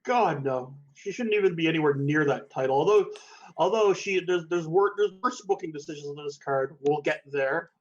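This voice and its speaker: A man's voice: fairly high pitch, moderate pace. Laughing man with a dull lo-fi sound. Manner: laughs often, swears casually, announces the next match. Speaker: podcast co-host. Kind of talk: casual chat. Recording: dull lo-fi recording.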